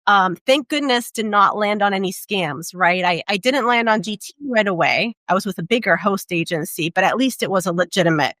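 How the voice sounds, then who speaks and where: A woman in her forties, a travel advisor raised in Portugal, telling her career story in a relaxed interview with many "um"s and tag questions. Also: mid-range voice, fairly quick, few pauses, no room sound. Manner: reflective, storytelling, frequent "um" and "right?". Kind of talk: conversational interview.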